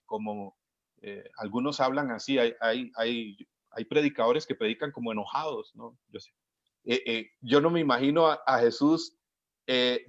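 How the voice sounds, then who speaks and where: A man preaching a sermon in an earnest way, slowing down to stress key words and acting out the lines he quotes. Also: a little high. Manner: acts out the quoted lines of the scripture. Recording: dry, dull lo-fi audio.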